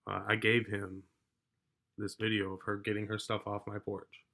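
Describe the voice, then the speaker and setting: A man telling a story from his own life in a casual, rambling way, swearing often and getting loud as he relives an argument. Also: fairly low pitch, completely flat delivery, normal speed, creaky, background noise. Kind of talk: casual personal account.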